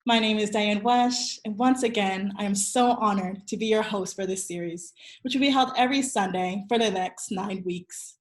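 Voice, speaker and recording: Speaking at a moderate pace with hardly any pauses, a Virginia-born host in her twenties leads an interview, her mid-range voice earnest and upbeat as she introduces guests and asks questions. The American speaker is heard in a roomy, echoing space.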